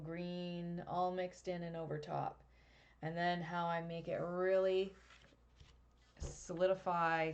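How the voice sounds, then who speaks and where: A woman giving a live colored pencil drawing tutorial over a webcam, chatty and quick to laugh at herself. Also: low voice. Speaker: art teacher.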